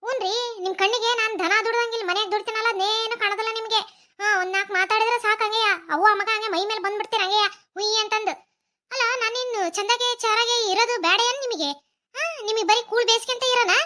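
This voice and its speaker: A woman voicing a sharp-tongued, defiant young village wife in a cartoon comedy, talking in a North Karnataka Kannada accent and firing back scolding retorts. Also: very high-pitched, fairly even intonation, fast.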